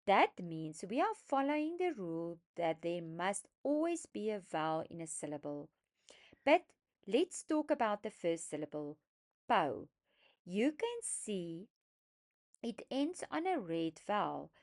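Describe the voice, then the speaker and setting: A woman explaining a phonics lesson, speaking deliberately and stressing each sound as she sounds out words for young learners. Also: mid-range voice, darkish tone. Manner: slow, deliberate, emphatic teaching voice, sounding out words. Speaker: phonics teacher trainer. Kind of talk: instructional lesson narration.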